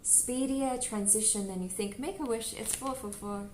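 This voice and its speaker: A woman's voice: a little high, moderate pace, heavy background noise. Giggly woman doing a chatty tarot reading. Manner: chatty, giggly, many "like" fillers. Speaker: tarot reader. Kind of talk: casual tarot reading to camera. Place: home room with birds nearby. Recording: roomy echo with faint background ambience.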